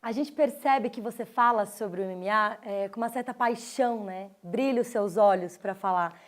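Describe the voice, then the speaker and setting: A woman's voice: mid-range voice, brisk. A Brazilian woman interviewing a guest, asking questions in an easy, friendly way and laughing often. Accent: Brazilian Portuguese.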